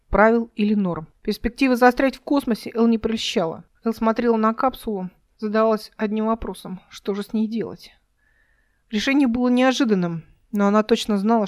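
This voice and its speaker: A woman narrates her own science fiction audiobook at medium pitch, reading in a measured, even style and voicing the dialogue only lightly.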